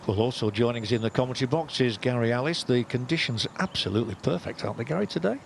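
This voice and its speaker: A man's voice: medium pitch, fast talker, vocal fry, a little hiss or hum. A man presenting as lead golf commentator, conversational and inclined to put questions to his colleagues.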